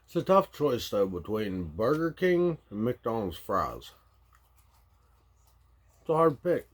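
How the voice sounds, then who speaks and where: A man's voice: mid-range voice, big pitch swings, slow pace. A man with a Southern US accent eating on camera, laid-back and giving brief remarks between bites. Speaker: vlogger, mukbang co-host. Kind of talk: casual chat while eating.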